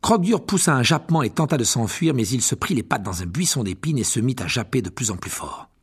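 A man's voice: medium pitch, animated, fast talker, breathy edge. A man narrating a fantasy audiobook dramatically, often dropping to a whisper. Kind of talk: expressive audiobook reading.

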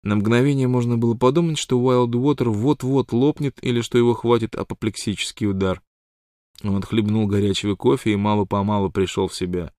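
A man narrating an audiobook in an even, measured way. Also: lowish voice, no room sound, clean studio sound. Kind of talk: scripted narration.

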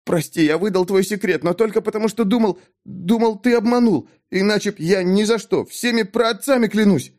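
A man voicing a terrified young male guard who begs hysterically for forgiveness in high, pleading cries. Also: brisk, few pauses, darkish tone, lightly acted. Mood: panicked pleading.

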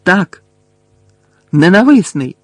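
A man reading an audiobook, voicing an angry, grieving teenage boy wizard who shouts, his voice cracking. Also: high voice, big pitch swings, slow pace, dry recording, pitched above the performer's own voice, exaggerated voice. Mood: furious. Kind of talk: audiobook character voice.

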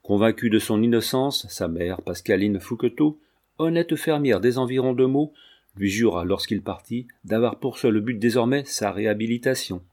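A man reading a classic novel aloud as a measured, dramatic audiobook narration. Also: mid-range voice, darkish tone. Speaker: audiobook reader.

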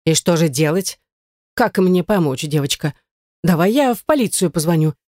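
A woman voicing a fussy elderly building manager in an audiobook, speaking in a lower, hushed and fretful voice. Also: lively intonation, normal speed, no echo, clean studio sound, lightly acted. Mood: alarmed.

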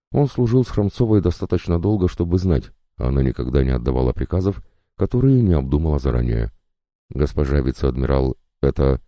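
Very deep-voiced male audiobook narrator. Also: dark tone, no echo, studio quality. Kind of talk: scripted narration.

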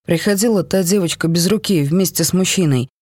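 Aisha is a caring young woman who soothes and pleads with her friend, as a storybook reader plays her. Her voice is recorded close and dry at a middling pitch. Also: brisk, a little mellow, dry recording, close to an everyday voice. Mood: questioning.

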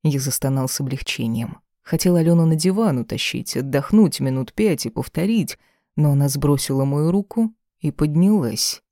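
Male audiobook reader, mellow and steady, close and dry. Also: a little high, normal speed, no room sound. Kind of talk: first-person romance narration.

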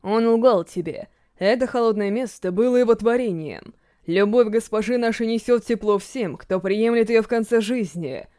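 A woman voicing a solemn male priest speaking slowly in an audiobook. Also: on the high side, dark tone, no echo, studio quality, lightly acted.

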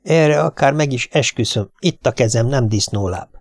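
A man's voice: mid-range voice, no echo, clean studio sound, natural voice. A man voicing a nervous middle-aged husband who coaxes and reassures his wife, in an audiobook. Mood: coaxing. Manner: coaxing, reassuring, plain.

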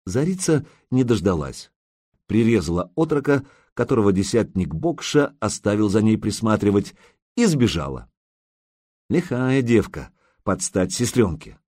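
A man narrating an audiobook in an expressive, dramatic reading style. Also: lowish voice, breathy edge, no echo, clean studio sound.

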